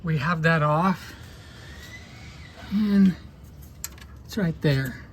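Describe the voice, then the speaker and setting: A man's voice: a little high, drawn-out words, slight background noise. A middle-aged man narrating a casual truck repair as he works, folksy and joking. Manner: folksy, joking, talks while working. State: out of breath. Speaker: vlog host doing truck repair.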